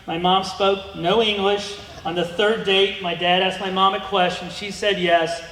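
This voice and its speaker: His voice sits high, with fairly even intonation and a measured pace. He's a middle-aged American guest speaker delivering a rambling museum talk with slides about his family, full of ums and restarts. The lecture room is echoey with long reverb, and the background is noisy.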